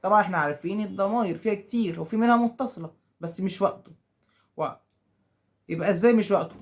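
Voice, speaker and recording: A man's voice: high voice, racing. A man with an Egyptian Arabic accent teaching grammar to school pupils. He keeps asking questions, answers them himself, and acts out the pupils' objections.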